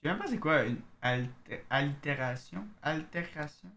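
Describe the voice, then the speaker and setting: A man's voice: a little high, lively intonation, gravelly, sharp tone. A man with a Québécois French accent streaming a game, reading in-game letters aloud and chatting casually with viewers. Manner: casual, chats to viewers, reads letters in a slow narrating way.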